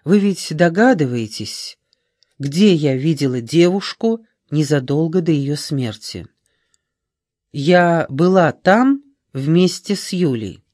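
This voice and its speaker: A man reading an audiobook, voicing a young woman in her twenties who questions firmly and calmly. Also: on the high side, slow, no room sound, studio quality. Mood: probing. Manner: firm, probing, calm.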